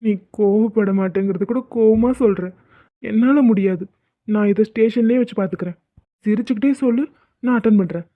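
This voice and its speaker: A woman voicing an exasperated young husband in an animated comedy, teasing and pleading with his wife. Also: mid-range voice, fairly quick, no echo, natural voice. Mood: coaxing. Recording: tinny phone-like sound.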